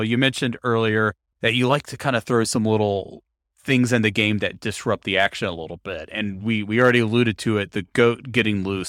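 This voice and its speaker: A man with a lowish, slightly bright voice hosts an interview podcast, speaking thoughtfully and explaining things conversationally. The talk mixes interview with narrated segments, recorded dry with clean studio sound.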